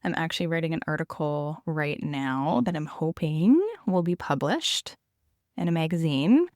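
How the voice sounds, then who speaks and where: A woman's voice: low-pitched, expressive, moderate pace, a little mellow, no room sound, studio quality. A woman podcast host chatting casually in a solo intro, recorded inside a small RV trailer.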